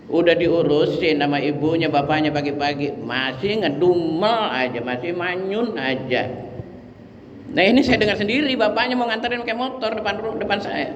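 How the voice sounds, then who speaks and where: A man, preaching a lively, colloquial sermon that he acts out. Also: high voice, slight background noise. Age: 60s. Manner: animated, colloquial and dramatizing. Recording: echoey hall, dull sound.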